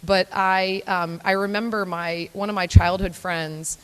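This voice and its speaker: Speaking in a fairly low, clear and resonant voice at a steady, measured pace, a young Floridian woman addresses a live audience as a guest at a morning talk event. Her talk is chatty and self-deprecating, full of ums, and the event hall adds long reverb.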